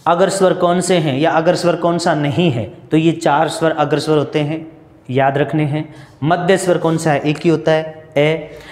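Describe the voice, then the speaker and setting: A man teaching Hindi grammar in a slow classroom style, asking questions and answering them himself and going over each point again. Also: on the high side, fairly even intonation, darkish tone, roomy sound, long reverb tail. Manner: repeats and restates points, asks questions then answers them. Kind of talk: slow, repetitive classroom explanation.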